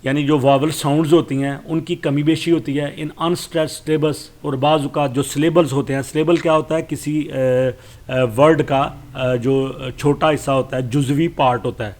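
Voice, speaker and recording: A man with a Pakistani accent giving a study lesson. He reads English lines slowly and explains them, pausing often with fillers. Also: a little high, fairly even intonation, darkish tone. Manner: slow, deliberate reading with hesitant fillers. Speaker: lecturer.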